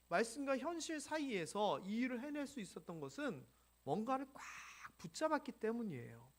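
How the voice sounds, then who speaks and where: Animated preacher acting out scripture. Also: mid-range voice. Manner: animated, acts out biblical dialogue, asks the congregation questions. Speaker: pastor. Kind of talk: sermon. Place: church sanctuary.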